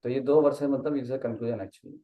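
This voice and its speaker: A man's voice: mid-range voice, steady tone, brisk. A man teaching a casual Gita study class, mixing Hindi and English, explaining step by step and often checking that the listener follows. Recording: dull muffled sound in an echoey room.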